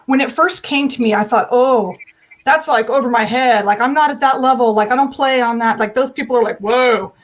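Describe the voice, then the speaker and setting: The sound is lo-fi as an American woman with a high-leaning voice talks fairly quickly, recounting personal stories as a guest in a live interview. Her storytelling is animated, emphatic and irreverent, and she often performs the dialogue herself.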